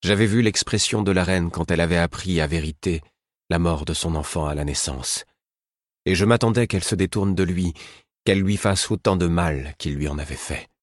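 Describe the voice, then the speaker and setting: Deep breathy guy reading a novel, measured, dry. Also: no echo. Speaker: audiobook narrator. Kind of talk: scripted narration.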